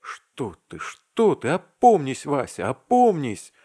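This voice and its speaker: A man's voice: on the low side, lively intonation, a little slow, dry recording, clean studio sound. A man reading aloud and voicing a terrified young man who cries out desperately to his friend. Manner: crying out, desperate.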